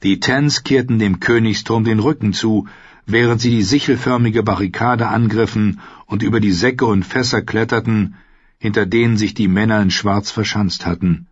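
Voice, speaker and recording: Male audiobook narrator: husky, low-set voice, even storytelling delivery, dry close mic with a muffled sound. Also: normal speed, dry recording.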